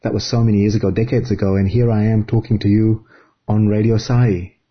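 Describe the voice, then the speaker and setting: Fiji-raised guy, really husky low voice, slow earnest spiritual talk, kinda dull lo-fi sound. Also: little pitch movement. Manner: earnest, measured, phrase by phrase. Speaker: guest speaker.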